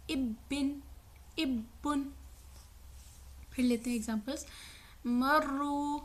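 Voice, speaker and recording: A woman teaching a tajweed lesson. She recites each word slowly twice, then explains quickly. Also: sits high.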